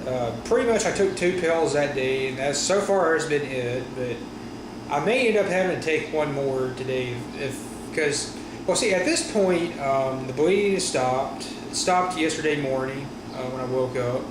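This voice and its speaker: A man talking casually in a personal vlog after wisdom teeth surgery, with a sore stiff jaw, halting and often correcting himself. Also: on the high side. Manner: halting, rambling, frequent self-corrections. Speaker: vlogger. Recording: roomy echo with steady room noise.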